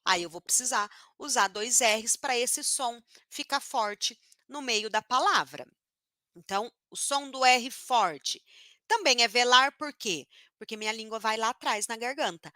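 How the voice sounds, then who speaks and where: A woman teacher from northern Paraná, Brazil, with a northern Paraná accent, giving a live online phonetics lesson and slowly repeating each sound she demonstrates. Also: on the high side, lively intonation, pushed and bright, no echo, clean studio sound. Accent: northern Paraná Brazilian Portuguese.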